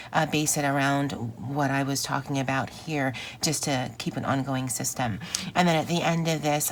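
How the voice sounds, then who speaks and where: Low-voiced woman doing a chatty planner vlog, kinda rambly, phlegmy rattle in her voice, some noise behind her. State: congested with morning phlegm. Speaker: planner channel host. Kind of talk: casual chatty craft vlog.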